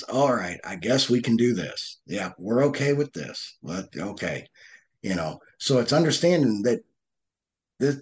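A man talking casually as a podcast guest, telling stories with lively acted-out asides and frequent restarts. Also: lowish voice. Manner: animated storytelling, acts out angry drivers in raised voice; loose, repeats and restarts words. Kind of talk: casual conversational interview.

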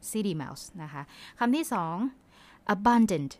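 A woman's voice: medium pitch, expressive, darkish tone. Thai woman teaching English words. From Thailand. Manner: patient, explains slowly, polite sentence endings. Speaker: podcast host.

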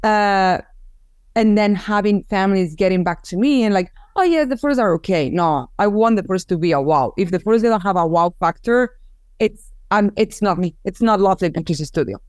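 A Spanish-speaking woman who runs a business as a photographer talks through her work in a casual interview, often restarting as she searches for words. Her mid-range, darkish voice is a little fast, and the sound is clean with no echo.

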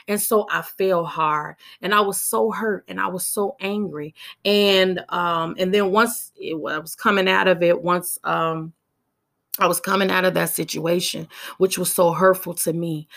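A woman's voice: fairly low pitch, vocal fry, a bit bright. A woman giving a personal faith testimony in an earnest, emphatic way, repeating her points.

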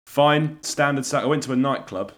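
A man's voice: medium pitch, normal speed. A man co-hosting a podcast, chatting casually with tongue-in-cheek repetition. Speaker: podcast co-host. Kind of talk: casual comedic banter.

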